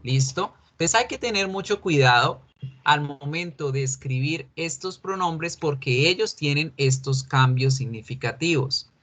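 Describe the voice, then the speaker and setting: Man, fairly high voice, English teacher, online class, chatty, joking with students. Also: lively intonation, a little slow, a bit bright. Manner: chatty, jokey, calls on students by name.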